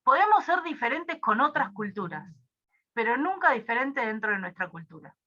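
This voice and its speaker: Young Argentine woman, bright high voice, dull lo-fi computer audio, casual online tutor. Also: big pitch swings, normal speed, noisy background. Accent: Rioplatense Spanish. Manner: casual, rambling, with many fillers. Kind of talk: online review class.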